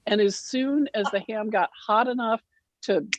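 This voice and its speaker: Woman telling a lively family story. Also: a little high, normal speed, a little hiss or hum. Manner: animated, laughs through the story, acts out quoted family voices. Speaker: guild member sharing a story. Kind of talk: casual storytelling.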